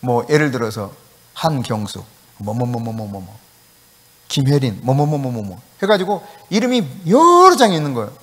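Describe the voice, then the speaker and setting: A male pastor preaching a sermon, telling a story with acted-out dialogue and sudden shouted commands. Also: medium pitch, sing-song, normal speed, long reverb tail. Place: church sanctuary.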